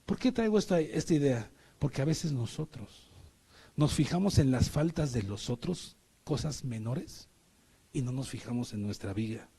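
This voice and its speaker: A man's voice: medium pitch, expressive, moderate pace, gravelly, dark tone, breathy edge. A middle-aged man with a Mexican Spanish accent preaching a sermon, emphatic, often asking the congregation rhetorical questions.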